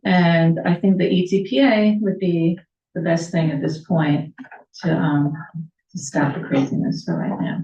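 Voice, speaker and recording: A low-voiced woman gives a short, hesitant public comment with many pauses. Her voice echoes around a large meeting room. The recording sounds dull and muffled. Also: fairly even intonation, warm tone. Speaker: long-term tenant speaking at public comment. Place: village board meeting room. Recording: echoey hall, dull mic.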